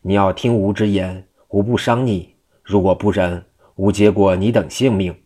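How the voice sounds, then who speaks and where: A man's voice: fairly low pitch, steady tone, moderate pace, dark tone, natural voice. A man reading as a solemn ancient monk spirit. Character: ancient male monk spirit, stern and righteous.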